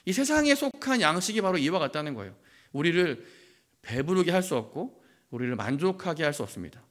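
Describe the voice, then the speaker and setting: Male pastor, young adult, animated sermon delivery with a lively, fairly high voice. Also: fairly quick. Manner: animated preaching, rising to stress points, asks the congregation questions. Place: church.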